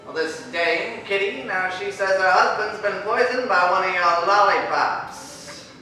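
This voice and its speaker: A man playing a world-weary private detective in an amateur noir radio play, speaking in a slow, wry manner. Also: sits high, sharp tone, slight background noise. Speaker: narrator and detective. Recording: echoey room from a distant mic with music. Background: music.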